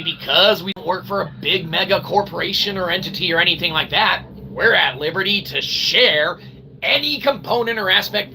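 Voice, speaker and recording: Over a noisy background, an independent researcher and vlogger with a high-sitting voice rambles casually. His folksy, irreverent talk is heavy on slang and mock-grand language, and he keeps checking in with the listener using "okay" and "all right."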